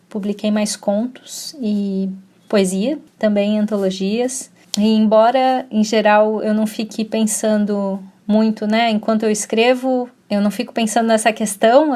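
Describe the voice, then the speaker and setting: A woman author speaking in a measured, slightly hesitant way about her work. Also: medium pitch, warm tone. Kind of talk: recorded personal reflection.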